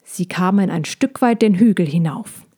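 A woman reading a children's story aloud, calm and unhurried, with brief livelier character lines. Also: on the low side, slightly rough.

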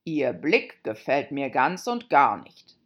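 Woman playing a stern, pompous storybook king, slow and heavy. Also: a bass voice, sing-song, lo-fi sound, pitched below the performer's own voice, full character voice. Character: pompous fussy male king.

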